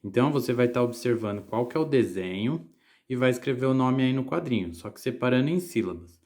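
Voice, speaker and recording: This Brazilian Portuguese-accented male teacher leads children through literacy exercises, patiently explaining and often checking in with "certo?" to make sure they follow. His medium-pitched voice is animated, a little fast, and a little mellow.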